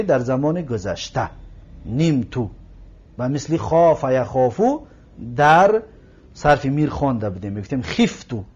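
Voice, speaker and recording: A man teaching grammar in a rather high voice that rises and falls widely. He explains step by step, repeats each word and often checks that the listener follows. The recording is dull and lo-fi. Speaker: Arabic teacher. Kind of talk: grammar lesson.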